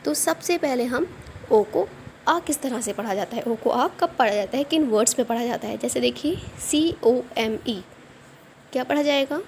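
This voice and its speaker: A woman's voice: on the high side, normal speed, darkish tone. Indian woman teacher, patient, quizzes herself aloud, light hiss in the background. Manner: patient, asks questions and answers them herself. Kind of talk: online phonics lesson for children.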